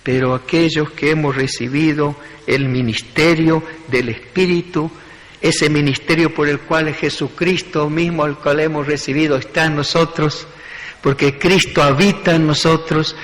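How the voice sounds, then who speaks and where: A male pastor delivers a sermon in short, stacked phrases that keep rising in emphasis. His voice sits slightly high for a man. It carries a long reverb from a church hall. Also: a bit bright.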